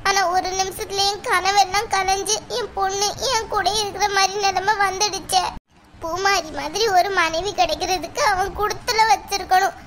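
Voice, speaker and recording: A woman's voice: very high-pitched, fairly even intonation, normal speed, background noise. A woman voicing a grieving middle-aged village mother who laments and blames herself, in a cartoon. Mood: lamenting. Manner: lamenting, plaintive. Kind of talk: cartoon voice acting.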